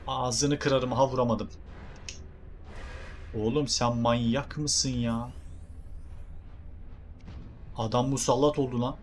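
Excitable Turkish gaming streamer. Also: male voice, mid-range voice, slow pace, pauses often, a little hiss or hum. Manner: excitable, jokey, talks to viewers. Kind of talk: game commentary.

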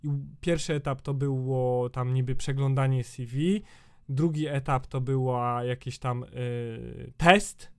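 A man's voice: mid-range voice, little pitch movement, a little slow, clean tone. A man in his twenties with a sore throat, ranting casually in a vlog, rambling with lots of fillers and swearing. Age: 20s. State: sore throat, slightly changed voice. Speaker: YouTuber.

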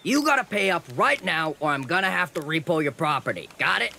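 A man voicing a pushy, impatient shark debt collector in an animated video game, brash, bossy and threatening. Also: on the high side, brisk, creaky, heavily acted. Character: pushy, impatient loan shark tax collector, gruff male cartoon shark.

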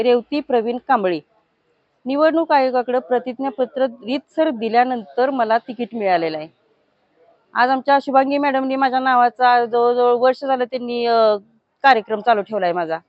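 A woman from Maharashtra, a village head, giving a forceful, indignant statement to the news media. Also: on the high side, dry recording. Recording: dull lo-fi news recording.

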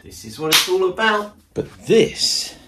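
A man's voice: sits high, very animated, unhurried, heavy background noise. A man in his forties with a London accent, vlogging casually from his home, rambling and self-deprecating as he films himself on a phone at arm's length. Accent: British English (London). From England. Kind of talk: casual self-filmed vlog. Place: home rooms, indoors. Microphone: phone camera at arm's length.

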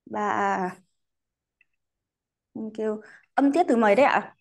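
A woman with a medium-pitched voice takes her time teaching an online English class. Her manner is patient and polite, with English words woven into her explanations and courteous particles added to most sentences.

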